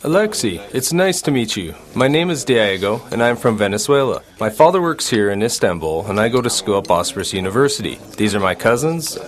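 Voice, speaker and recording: An actor playing a friendly young male student in a scripted dialogue for English learners, speaking clearly and expressively. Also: lowish voice, very animated, brisk, hardly any pauses. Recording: busy cafe crowd behind.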